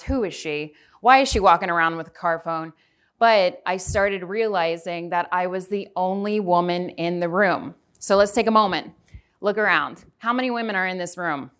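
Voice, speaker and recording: A medium-pitched, slightly bright and smooth voice belongs to a forty-something woman from Houston, Texas. She is a conference speaker in a conference hall, talking in a chatty way and asking her listeners questions.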